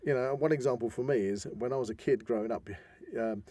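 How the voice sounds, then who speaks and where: A middle-aged British man co-hosts a podcast, speaking casually and with emphasis in a mid-range, mellow voice. His pace is brisk and the recording has no echo.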